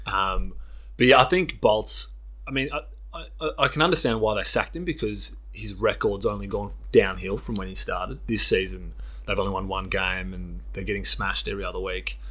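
A man's voice: on the low side, fairly even intonation, normal speed, sharp tone. An Australian man co-hosting a casual podcast, teasing his friends and laughing often. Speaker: podcast co-host. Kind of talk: casual chat.

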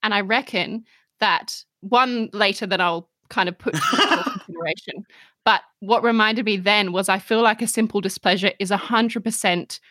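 A woman's voice: medium pitch, moderate pace, sharp tone, dry recording, studio quality. An Australian woman hosting a podcast interview, asking questions in a bubbly, playful way. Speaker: host.

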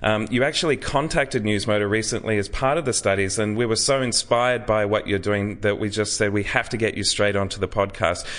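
A man's voice: on the low side, fairly quick, hardly any pauses, fairly bright tone. A man hosting a podcast, giving polished, upbeat introductions and asking questions. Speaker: podcast host.

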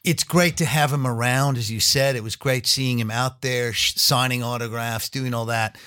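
A man's voice: medium pitch, fairly even intonation, moderate pace, bright, forceful tone, clear, resonant tone, dry recording, clean studio sound. A man giving frank, conversational opinions as a football pundit on a casual podcast. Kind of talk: casual sports podcast commentary.

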